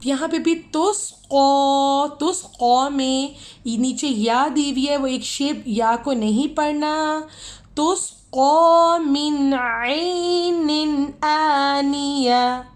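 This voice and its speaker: A woman with a high voice teaches Quran recitation. She chants each verse very slowly and melodically, then breaks off to explain the pronunciation rules in quick everyday speech. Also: darkish tone. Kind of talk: tajweed lesson alternating slow recitation and quick explanation.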